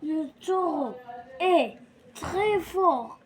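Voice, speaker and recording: A young female pupil reading aloud haltingly, word by word, in a lesson. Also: very high voice, expressive.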